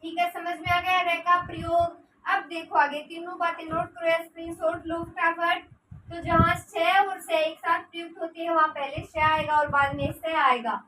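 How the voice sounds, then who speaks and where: A woman's voice: extremely high pitch, little pitch movement, normal speed, sharp tone. A woman teaching a grammar lesson who asks rhetorical questions, answers them herself and dictates notes for her students to write down. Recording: roomy echo, distant mic, noisy.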